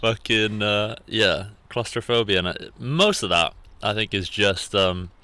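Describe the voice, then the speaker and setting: Hungover british lad on a podcast, lowish sharp voice, slangy and sweary, losing his words. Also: moderate pace, dry recording. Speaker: podcast co-host. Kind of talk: casual banter.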